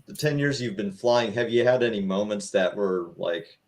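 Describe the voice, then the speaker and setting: A man's voice: on the low side, moderate pace, darkish tone. A man hosting a casual interview, asking chatty, joking questions. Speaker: podcast host.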